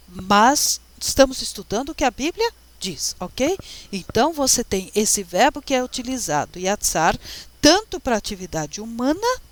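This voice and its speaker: A woman teacher giving a slide lecture, constantly checking with her class as she explains Hebrew words. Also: medium pitch. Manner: addresses class often, checking with "tá?" and "gente"; slow, deliberate explanation, reading out Hebrew words.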